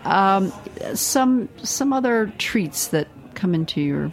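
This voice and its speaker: A woman's voice: mid-range voice, expressive, slow. A woman hosting a food history show in a studio, chatty and prompting her guests, often trailing off as she searches for words. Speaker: show host. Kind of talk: casual studio conversation. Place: radio studio.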